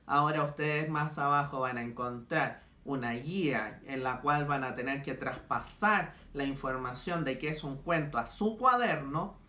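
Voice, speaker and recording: A man teaching a language class to young pupils, spelling out examples slowly for children. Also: fairly high pitch, sharp tone. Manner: slow, stretched-out examples for children. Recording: echoey room.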